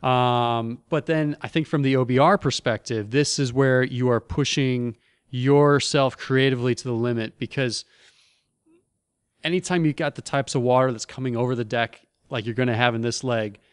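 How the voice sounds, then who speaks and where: A man's voice: mid-range voice, fairly even intonation, normal speed, clear, resonant tone, no echo, studio quality. A man co-hosting a casual chat about sailing, talking with enthusiasm and often restarting his phrases. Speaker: co-host, former onboard reporter.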